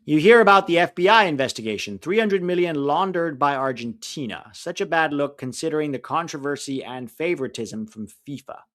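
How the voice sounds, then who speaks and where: This co-host of a live-stream soccer watch-along has a high-leaning, animated and slightly bright voice. He chats casually with a mixed, hard-to-place accent, offering blunt opinions and venting frustration readily as the match goes on.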